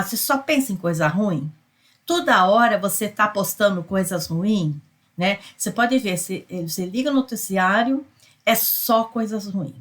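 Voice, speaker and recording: Woman, Brazilian Portuguese accent, middle-aged, psychoanalyst, motivational talk, repetitive, filler-heavy, mid-range pitch. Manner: repetitive, tag questions, many fillers. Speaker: psychoanalyst and spiritual speaker.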